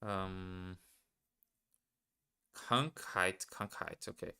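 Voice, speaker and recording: This learner, a native Portuguese speaker, studies live for viewers and thinks aloud as he works through word forms. His voice sits lowish but sounds bright and crisp, with a steady tone and a slow, unhurried pace. He hesitates, corrects himself and muses aloud as he goes.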